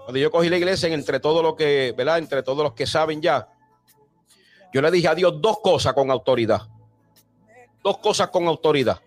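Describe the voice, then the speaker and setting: Fiery pastor, high voice, shouts his calls to pray, faint music under. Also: moderate pace, long pauses. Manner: rising to shouted, repeated exhortations. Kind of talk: fiery Pentecostal preaching.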